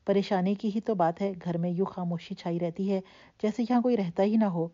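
A woman's voice: mid-range voice, steady tone, mellow, muffled recording, lightly acted. Woman reading as a fond, coaxing older aunt. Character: older woman, loving worried aunt-mother.

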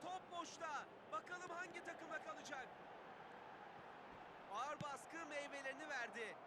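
High-pitched male football play-by-play commentator. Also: fairly even intonation, unhurried. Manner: clipped phrases, calling player names. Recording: noisy capture with background game sound.

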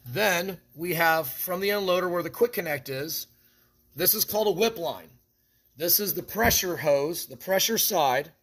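A man's voice: high-pitched, expressive, moderate pace, a bit bright, breathy edge. Man giving a hands-on equipment walkthrough. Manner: practical, explains step by step while handling parts. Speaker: equipment shop instructor.

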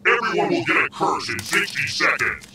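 A man's voice: a little high, big pitch swings, a little fast. A man voicing an impersonal game system that makes ominous scripted announcements. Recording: very echoey, distant, noisy with clicks.

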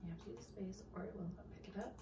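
A woman's voice: medium pitch, rapid-fire, vocal fry, recorded from a distance, noisy background. A woman vlogging at home, muttering to herself, swearing and joking in exasperation. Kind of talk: casual chatter to camera. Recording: roomy echo from off-mic.

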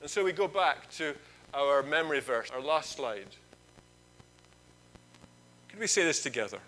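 Bright-voiced Scottish minister telling a story. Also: male voice, on the high side, expressive, a little slow, rough recording. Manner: chatty, playful, acts out the story's voices. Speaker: minister leading a church service. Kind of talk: informal sermon storytelling to a congregation.

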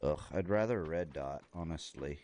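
A man streaming a shooter game live, thinking aloud as he loots, excitable, with his voice jumping up high at times. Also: normal speed, slight background noise. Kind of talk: live gameplay commentary.

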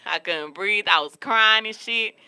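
Candid and profane, a podcast co-host in her 20s tells stories in a casual chat, her voice bright, mid-range, and smooth as she takes it slowly. She records in a studio room with a city backdrop.

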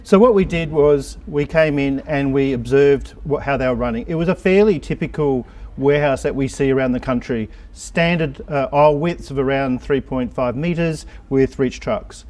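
Measured man in his fifties explaining. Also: mid-range voice, darkish tone. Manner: measured, explanatory, some hesitant restarts. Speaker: warehouse design consultant. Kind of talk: on-site interview. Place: large indoor warehouse. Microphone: lapel.

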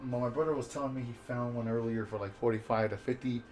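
A young American man with a raspy voice, chatting casually to camera in a rambling, jokey, laid-back way as he hosts an unboxing vlog. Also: medium pitch, steady tone, quick pace, a little mellow, a little hiss or hum. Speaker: host of a card unboxing vlog. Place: small bedroom, indoors.

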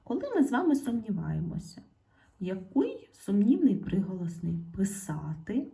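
A woman teaching an online lesson to young schoolchildren. She says example words slowly and clearly and talks straight to the children. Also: fairly low pitch, warm tone.

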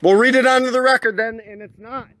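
A man's voice: extremely high pitch, fairly even intonation, fast, bright, forceful tone. A man in a standoff with police, arguing defiantly, interrupting and repeating himself on a phone live stream. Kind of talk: heated argument, live-streamed.

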